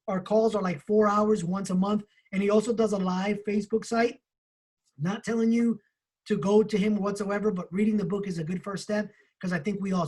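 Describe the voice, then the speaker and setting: A man co-hosting a book club, telling a personal story in an animated way with casual swearing. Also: high voice, slightly rough.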